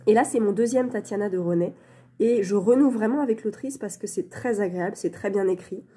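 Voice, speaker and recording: Chatting into a phone propped on a stand in dim light, this woman's mid-range voice comes out fairly quick, mellow and husky. She's a book vlogger, and her casual talk is full of fillers and restarts, picked up by the phone camera.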